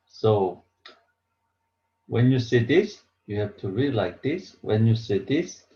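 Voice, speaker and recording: Male language teacher. Unhurried, mellow delivery, halting simple explanations, echoey muffled room sound. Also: lowish voice. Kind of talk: beginner pronunciation lesson. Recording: roomy echo, dull lo-fi sound.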